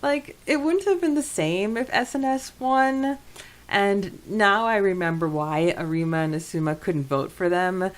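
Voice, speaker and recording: A woman co-hosting a podcast chats informally about a book in a medium-pitched voice that runs a little slow. It's a casual book discussion.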